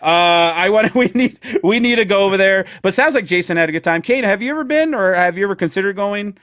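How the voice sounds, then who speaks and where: A man's voice: high-pitched, animated, fast, fairly bright tone. A man hosting a podcast in casual chat, rambling and joking with friends. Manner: rambling, laughing, lots of fillers and jokes. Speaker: podcast host.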